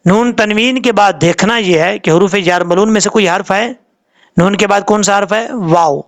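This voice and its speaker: In a tajweed lesson on pronunciation rules, a high-voiced man teaches recitation patiently and step by step. He repeats letters and rules and slowly draws out sounds when demonstrating words.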